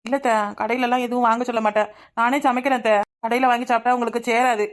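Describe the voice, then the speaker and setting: In a cartoon, a woman voices a sharp-tongued young village wife with a Kanyakumari Tamil accent. She is sulky and retorts often, talking very fast in a high voice with a level tone and only light acting.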